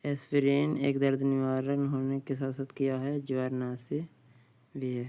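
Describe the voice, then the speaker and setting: An exam tutor with a Bihari Hindi accent reads out quiz questions slowly in a level monotone, repeating each one twice before giving its answer. His medium-pitched voice is mellow and smooth, with faint crickets chirping in the background.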